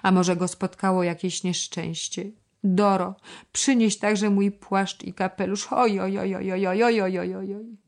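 A woman's voice: mid-range voice, little pitch movement, a little slow, darkish tone, voice pushed up, natural voice. A woman reading aloud and voicing a tearful, anxious little girl with a trembling, wailing voice. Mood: distraught. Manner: wailing, tremulous.

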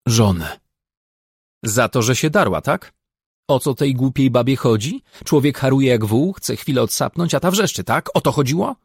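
A man doing a brisk woman therapist. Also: medium pitch, expressive, husky, dry recording, clean studio sound, pitched above the performer's own voice. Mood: sharp. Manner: brisk, commanding.

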